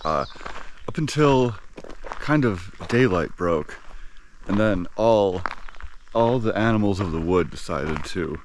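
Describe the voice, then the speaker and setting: Low-voiced man rambling playfully, noisy recording. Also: lively intonation, slow, long pauses. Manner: playful, rambling, repeats phrases. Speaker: outdoor camping vlogger and host. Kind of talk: casual talk to camera. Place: outdoors at a forest campsite. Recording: clear outdoor background noise.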